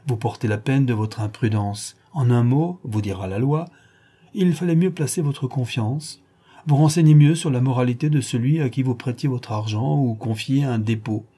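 A man voicing a guilty, scheming millionaire banker who argues in a measured way, in a dark, husky voice. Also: medium pitch, lightly acted. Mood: calm. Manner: measured, reasoning.

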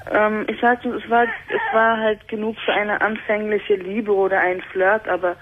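A German woman in her twenties calls in to a radio show for a personal conversation, her mid-range voice coming over a tinny telephone line. She speaks a little slowly and flatly, hesitant and earnest, with lots of ums and other fillers.

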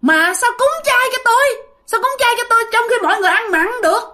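A woman voicing an angry male ghost who has possessed a young man, shouting shrilly. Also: extremely high pitch, lively intonation, fast, pitched above the performer's own voice, exaggerated voice. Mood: shrill furious.

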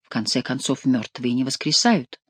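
Brief: narrator playing a tired worried king, low and quiet, dry sound. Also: a little fast, no room sound, natural voice. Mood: brooding. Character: anxious weary male king. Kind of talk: audiobook character reading.

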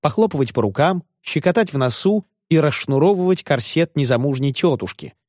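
A man reading a novel aloud in measured, expressive narration. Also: medium pitch, dry recording, clean studio sound. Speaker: audiobook reader. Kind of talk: scripted narration.

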